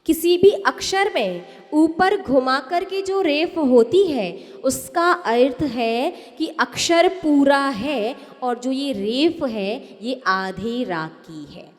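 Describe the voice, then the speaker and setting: A woman with a high voice gives a sermon as a nun, speaking very slowly and emphatically. She keeps asking her listeners questions and answering them herself as she explains pronunciation. Her voice rings with the long reverb of a hall. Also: lively intonation. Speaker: Jain nun giving a discourse. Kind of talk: sermon teaching correct pronunciation.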